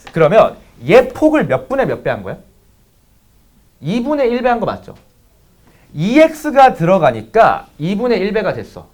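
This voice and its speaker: A man teaching math to students, mixing a blunt, profanity-laden personal story into a casual lecture. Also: sits high. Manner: blunt, swears freely, talks straight to students.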